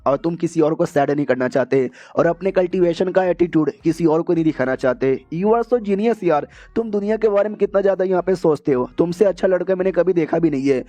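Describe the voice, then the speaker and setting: A man's voice: a little high, dark tone, dry recording. A man narrating an anime recap in a chatty, slangy way. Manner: chatty, slangy, laughs at the story. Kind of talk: casual storytelling recap. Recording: dull lo-fi recording.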